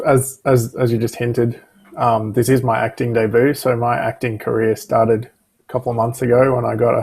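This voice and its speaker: A man's voice: medium pitch, darkish tone, breathy edge. A man, a drummer making his acting debut, talking in an easygoing, hesitant way on a video call. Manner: easygoing, hesitant with many ums. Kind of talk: casual video-call chat.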